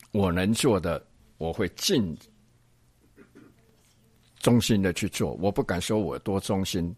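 An older man teaching a Bible course in an unscripted church lecture, speaking slowly and deliberately, often restarting his sentences and stretching out words as he reads passages aloud. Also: low-pitched, no echo. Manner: frequent restarts and hesitations.

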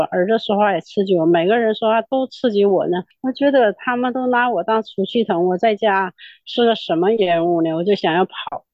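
A woman's voice: medium pitch, no echo. A middle-aged woman with a Northeastern Mandarin accent gives an earnest, tearful personal church testimony, repeating herself as she tells it. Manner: earnest, tearful, repetitive storytelling. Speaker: church member giving testimony. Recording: dull lo-fi dry recording.

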